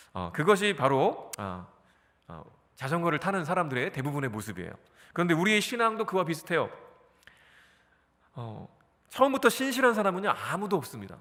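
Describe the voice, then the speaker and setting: A man in his forties preaches to a congregation and keeps asking them questions, then answers them himself. His voice is bright and rises and falls a lot. It rings out with the long reverb of a church hall. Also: a little high, very animated, moderate pace. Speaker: pastor. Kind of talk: sermon. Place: church sanctuary.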